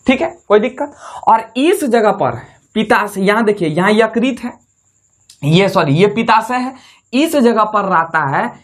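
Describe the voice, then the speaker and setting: A man teaching a biology class, who asks the students questions and answers them himself, with folksy, jokey asides. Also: high-pitched.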